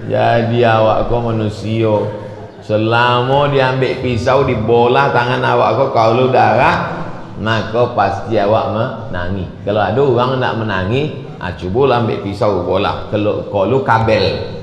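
A man's voice: on the low side, measured pace. A man giving a folksy, humorous dawn sermon, full of stories. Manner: folksy, humorous, acts out quoted people in a raised voice. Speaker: preacher. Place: mosque hall. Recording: echoey hall with faint noise.

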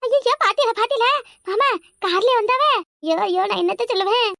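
Woman as anxious cartoon village wife, very high pitch, pleading, emotional, dry recording. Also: brisk, a bit bright, dry recording. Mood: excited. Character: anxious village wife torn over her family. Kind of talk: cartoon voice acting.

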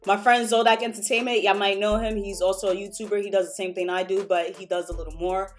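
A woman talking in a casual reaction vlog, excitable, slangy and profane. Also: medium pitch, fast, soft background music. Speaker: anime reaction YouTuber.

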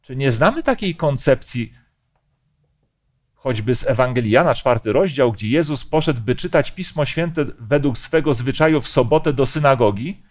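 A man's voice: mid-range voice, lively intonation, moderate pace. Man leading a Bible study discussion. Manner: questioning, explanatory.

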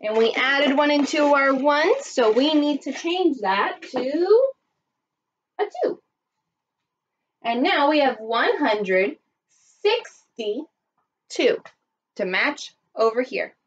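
A woman in her thirties leads a lesson for young children in the manner of a kids show host. Her voice is fairly high and her delivery very slow, with prompts to join in. The sound is slightly dull, as from a webcam in a small room. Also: lively intonation. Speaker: elementary school teacher.

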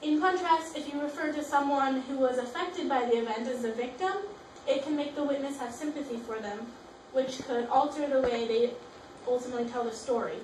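A young woman presents a school project, reading her notes aloud and restarting words as she goes. Her voice sits high. She is picked up from a distance in a roomy, echoing space with faint background noise. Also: brisk, a little mellow. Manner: reads from notes with frequent restarts. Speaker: student presenter. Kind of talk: class presentation. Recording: echoey room from far off.

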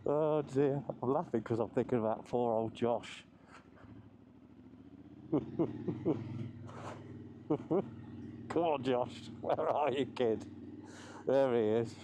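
A man's voice: medium pitch, normal speed, noisy background. A man riding a motorbike on mountain roads, chatting casually through a helmet mic, laughing often and swearing easily. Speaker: motorcycle vlogger. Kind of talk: casual ride commentary.

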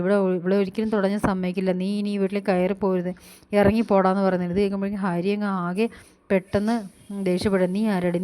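A woman quickly retelling a TV serial episode, quoting each character's lines in turn with frequent fillers. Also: mid-range voice, a little mellow. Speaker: serial review vlogger.

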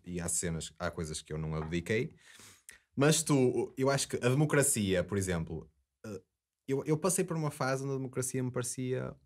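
Earnest deep-voiced Portuguese man. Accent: European Portuguese. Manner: earnest and digressive, many restarts. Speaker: podcast guest. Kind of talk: casual debate. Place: small studio with acoustic foam. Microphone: desk mic on boom arm.

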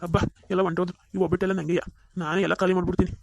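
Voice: mid-range voice, little pitch movement, rapid-fire, creaky, no echo, natural voice. A performer voicing a greedy, lazy village man, wheedling in a cartoon. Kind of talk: cartoon voice acting.

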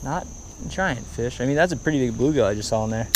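A man in his twenties chatting excitedly to viewers on an outdoor fishing vlog, slangy and upbeat, recorded on an action camera by a pond. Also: mid-range voice, quick pace, noisy background. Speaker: fishing vlogger. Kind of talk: casual outdoor vlog commentary. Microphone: action camera, head-mounted and handheld.

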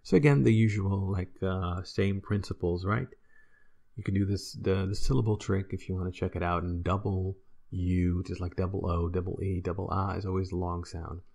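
A man's voice: sits low, steady tone, normal speed, creaky, darkish tone. A man teaching a pronunciation lesson, patiently repeating example words to demonstrate the sounds. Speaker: Dutch language teacher.

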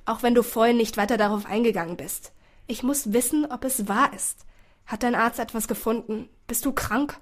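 A woman's voice: fairly high pitch, normal speed, close to an everyday voice. A woman voicing an anxious young man in an audiobook, urgent and pleading. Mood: worried. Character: anxious young man, panicked older brother. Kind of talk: audiobook character voice.

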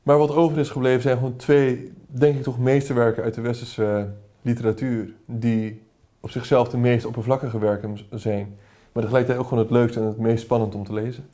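A man's voice: mid-range voice, little pitch movement, a little fast, warm tone. Thoughtful man presenting a book. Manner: thoughtful, with restarts. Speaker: presenter, institute director. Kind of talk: book discussion and read-aloud.

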